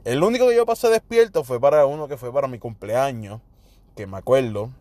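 A young man with a Puerto Rican accent spins his stories in a loose, animated way, sprinkling English slang and acting out every quote. His voice sits at an ordinary middle pitch. The sound is dry and close, with no room echo. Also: fairly quick. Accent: Puerto Rican Spanish. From Puerto Rico. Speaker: vlogger telling personal stories. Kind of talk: casual storytelling monologue.

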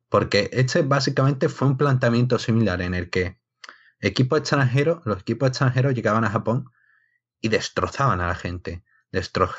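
Man, lowish voice, conversational wrestling analyst, slightly dull lo-fi recording. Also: a bit bright. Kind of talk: casual wrestling analysis chat.

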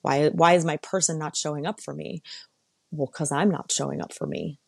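A woman's voice: deep voice, steady tone, normal speed, vocal fry, breathy edge, no echo. A woman hosting her own show, talking candidly and a little sarcastically in a casual solo monologue. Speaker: podcast host. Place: lives in San Diego.

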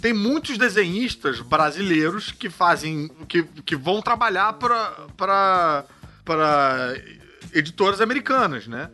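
A man, an actor and voice actor, chatting casually and telling animated stories with quick asides. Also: sits high, soft background music. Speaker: actor and voice actor guest. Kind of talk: casual conversation.

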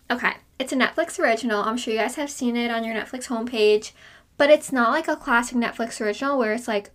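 Woman, inside a closet, bright forceful tone, slightly high voice, gushing casual chat. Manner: gushing, emphatic, heavy use of "like". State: overheated. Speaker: podcast co-host. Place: inside a small hot closet.

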